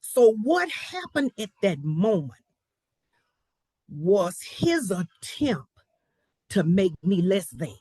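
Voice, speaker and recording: A woman tells a courtroom story at an unhurried pace. Her pitch swings widely as she acts out each person she quotes. The voice is slightly husky and recorded dry and close. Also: dry recording. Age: 60s. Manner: animated storyteller acting out the people she quotes. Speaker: law professor. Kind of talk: storytelling interview.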